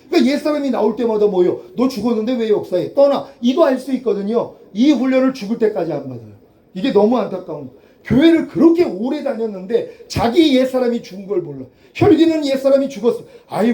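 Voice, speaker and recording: A man's voice: sits high, mellow, echoey room. A male pastor preaching a sermon emphatically, firing rhetorical questions and acting out quoted voices.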